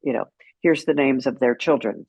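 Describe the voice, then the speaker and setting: A middle-aged American woman with a bass, slightly rough voice tells stories at a moderate pace as an interview guest. This caregiver advocate is candid and wry, animatedly retelling events with quoted dialogue. There's no room sound, and the highs are cut off.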